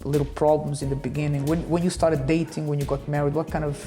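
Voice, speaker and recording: A man's voice: fairly high pitch, level tone, fast, music in the background. A man hosting a talk show, asking probing questions and often restarting them. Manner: probing, repeats words as he asks. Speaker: host.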